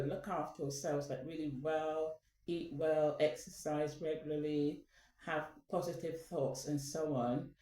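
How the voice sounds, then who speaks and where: Here a woman chats casually with her viewers as the channel's host, her low, warm voice coming from well away from the mic in an echoey space. She meanders, restarting sentences and leaning on fillers.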